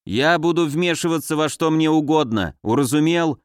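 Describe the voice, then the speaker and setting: A man's voice: fairly high pitch, expressive, unhurried, clear, resonant tone, no room sound, studio quality. A man voicing a blunt, stubborn old blind man who talks back defiantly.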